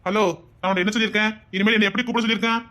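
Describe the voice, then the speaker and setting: A man's voice: high-pitched, steady tone, rapid-fire, bright, forceful tone. A man playing a coaxing Tirunelveli blackmailer. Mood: sweet-talking. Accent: Tirunelveli Tamil. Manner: coaxing, insistent, keeps asking 'understand?'. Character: smooth-talking young man, manipulative, greedy blackmailer. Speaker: scheming boyfriend on a phone call. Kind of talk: web drama acting.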